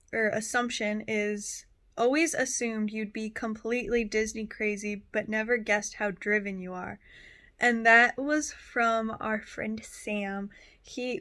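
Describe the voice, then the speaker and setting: A young woman vlogging to camera in a relaxed, tired, mellow way. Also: on the high side. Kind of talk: casual vlog talk to camera.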